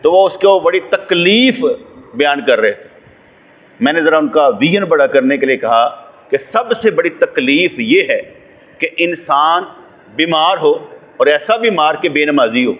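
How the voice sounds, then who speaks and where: A Pakistani man with a Pakistani Urdu accent delivers a sermon as a religious scholar, his voice sitting a little high. He preaches insistently, building to forceful emphatic peaks and throwing rhetorical questions out to his listeners. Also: animated, measured pace. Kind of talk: sermon lecture.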